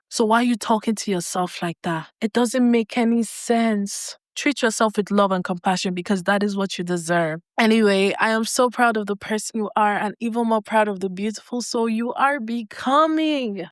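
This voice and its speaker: A woman coach giving an earnest motivational talk to her viewers, with slow, emphatic repetition. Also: fairly high pitch, no echo, studio quality. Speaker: self-concept coach.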